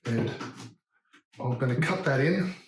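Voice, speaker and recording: An Australian man gives a relaxed, step-by-step DIY demonstration, narrating as he works. His voice sits at an ordinary pitch. The room is echoey, with a faint hiss behind him. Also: a little slow. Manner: relaxed, talks through each step as he works. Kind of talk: hands-on how-to demonstration.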